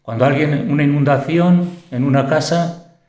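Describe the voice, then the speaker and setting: A man's voice: fairly high pitch, normal speed, dark tone. A man preaching a sermon with a Spanish accent from Spain. He delivers it fervently, his voice climbing into bursts of praise. The room around him rings with a church hall's echo. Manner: fervent, rising to exclamations of praise. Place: church hall.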